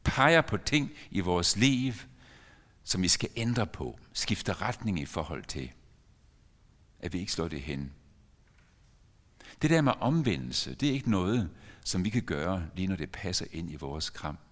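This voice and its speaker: A man's voice: low-pitched, big pitch swings, pauses often, a bit bright. An older man preaching a sermon as a pastor, telling a story earnestly with sudden emphatic rises in his voice. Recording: long church reverb.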